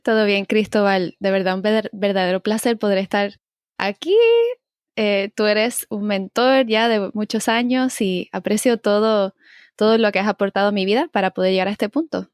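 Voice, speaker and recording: A woman's voice: medium pitch, fairly even intonation, normal speed, clear, resonant tone, no room sound, clean studio sound. A young woman raised in Spain and Puerto Rico, a podcast guest telling her story in a friendly, talkative way. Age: young adult. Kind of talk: conversational interview.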